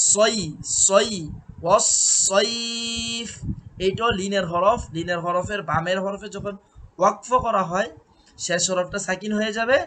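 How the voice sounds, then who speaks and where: A man teaching Quran recitation, drilling syllables with long drawn-out chanting and patiently correcting pronunciation. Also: sits high, fairly bright tone. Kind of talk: slow recitation lesson. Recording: faint background noise and clicks.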